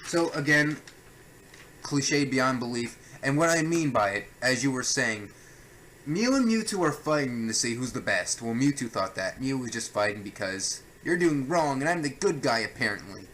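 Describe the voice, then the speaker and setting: A man's voice: mid-range voice, lively intonation, moderate pace, a bit bright, a little hiss or hum, poor audio. A young man reviewing a film with a co-host, ranting in a sarcastic, exasperated way. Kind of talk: casual review chat.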